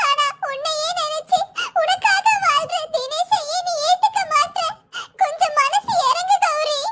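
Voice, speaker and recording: Caring young woman, persuasive, coaxing, very high, bright voice. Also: heavily acted. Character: caring young woman, a gentle family peacemaker.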